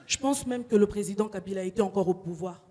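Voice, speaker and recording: A young woman from Congo doing stand-up comedy, telling stories in slangy animated bits. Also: mid-range voice, quick pace, in a large hall. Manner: animated storytelling, street slang.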